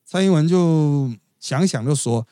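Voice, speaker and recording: A man's voice: fairly high pitch, expressive, a little slow, mellow, smooth, dry recording, studio quality. A man with a Taiwanese Mandarin accent hosting a podcast, giving chatty, gossipy, wry political commentary. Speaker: podcast host.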